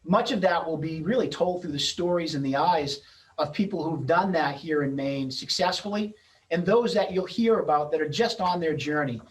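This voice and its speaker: A middle-aged man hosts and moderates an event over a video-call microphone, introducing things in a semi-formal, loosely scripted way. His pitch is fairly high and his pace moderate. The mic sits at a distance and the recording is rough.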